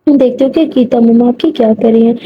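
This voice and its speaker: A woman's voice: on the high side, dull audio, slight background noise, lightly acted. A woman voicing a confident young woman who is tender and teasing with her partner. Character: bold, affectionate young woman. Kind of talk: storytelling with acted dialogue.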